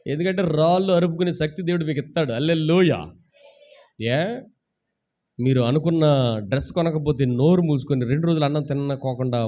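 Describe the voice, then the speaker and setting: A man's voice: on the high side, darkish tone. A male pastor preaching a sermon in a church service that is streamed live. He fires rhetorical questions at the congregation and calls on them to say hallelujah.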